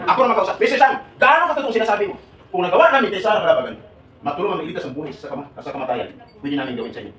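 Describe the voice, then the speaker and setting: Older man, 70s, live seminar speaker, quick and joking, echoey hall recording. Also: high-pitched, far from the mic, a crowd in the background. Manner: animated, joking, questioning the audience. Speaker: OFW advocate speaking to workers. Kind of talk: live seminar talk to a crowd. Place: large hall with an audience.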